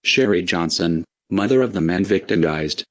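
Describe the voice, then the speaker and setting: A man with a disguised, pitched-down deep voice, reading a scripted statement in a flat, measured, ominous way, as an anonymous spokesman. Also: dry recording. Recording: dull lo-fi, dry sound.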